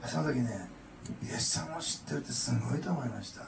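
A man's voice: medium pitch, expressive, fast, creaky. A male pastor giving an earnest, emotional testimony sermon, often adding "ne" to his sentences. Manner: earnest, emotional storytelling with frequent "ne". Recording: echoey room, distant mic, noisy.

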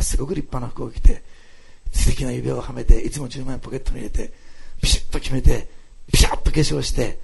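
A man preaching a sermon, telling a congregation story with lively asides. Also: mid-range voice, vocal fry, breathy edge. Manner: animated storytelling with frequent laughs and asides. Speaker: pastor. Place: church hall, streamed online.

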